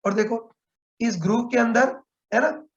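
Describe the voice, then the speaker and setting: A man's voice: very high-pitched, steady tone, a little slow. Lo-fi male physics teacher online. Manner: explains step by step, checks in with students often. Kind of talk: online class lecture. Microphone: video call.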